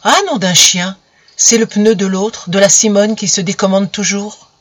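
A man's voice: sits high, lively intonation, moderate pace, fairly bright tone, no echo. A narrator voicing a young male politician who answers with glib, teasing composure in an audiobook. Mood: flustered. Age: young adult. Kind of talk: audiobook character voice.

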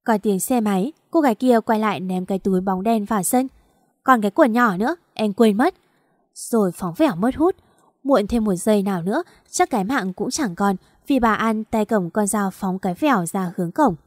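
Một người phụ nữ đọc truyện audio, giọng kể đều và giàu kịch tính. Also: female voice, medium pitch, brisk, dry recording, clean studio sound. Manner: steady, dramatic storytelling. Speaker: audiobook narrator. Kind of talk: scripted story narration.

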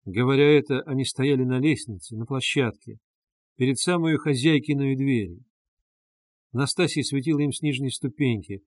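A male audiobook narrator reading a classic novel in a measured, even way. His voice sits in an ordinary middle pitch, recorded close and completely dry. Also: no room sound. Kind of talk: scripted literary narration. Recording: dry close studio sound.

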